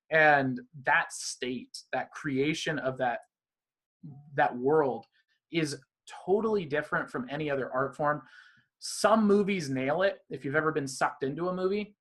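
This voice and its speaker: A man's voice: a little high, fairly bright tone. A man being interviewed as a magician, talking animatedly in long, rambling runs of casual conversation. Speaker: magician guest.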